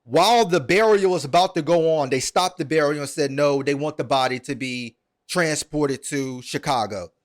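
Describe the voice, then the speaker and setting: A man's voice: on the high side, moderate pace. A man hosting a podcast, retelling a story at length in a casual, earnest way, with many ums and repeated words. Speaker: podcast host.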